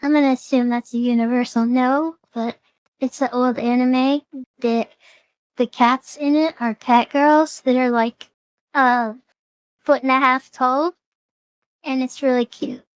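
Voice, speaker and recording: A woman's voice: sits high, fairly even intonation, unhurried, smooth, no room sound, rough recording. A young woman streaming a game with a friend, chatting casually with dry, teasing humor. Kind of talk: casual gaming chat.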